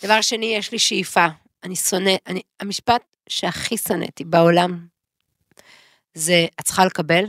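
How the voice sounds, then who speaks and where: A woman in her forties, co-hosting a podcast in casual chat, an animated storyteller who acts out the voices she quotes. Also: lowish voice, no room sound, studio quality. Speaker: podcast co-host.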